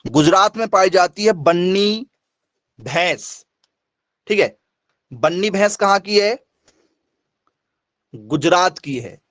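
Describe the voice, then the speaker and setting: High-voiced coaching teacher, dry. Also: male voice, animated, takes it slowly, long pauses, fairly bright tone, dry recording. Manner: asks questions and answers them himself, repeats key points. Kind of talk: online exam coaching lesson.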